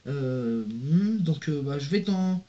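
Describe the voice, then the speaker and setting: Speaking slowly but with lively intonation, this young man has a fairly high, dark voice. He's a YouTuber in a casual vlog, reading viewer comments and responding in a loose, slangy, rambling style directly to his audience, all captured with dull lo-fi sound.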